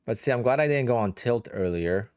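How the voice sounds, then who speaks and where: This thirties day trader from Poland streams live, casually fielding viewer questions in a Polish accent and peppering answers with "like" and "you know," though he sounds sleepy and tired. His medium-pitched voice is brisk and darkish with lively intonation, captured in a dry, clean studio recording.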